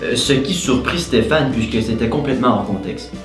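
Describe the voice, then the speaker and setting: A man reading a comic mad lib story aloud, laughing and shouting as he goes. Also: medium pitch, brisk, reverberant, soft background music. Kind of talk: casual comedic game reading.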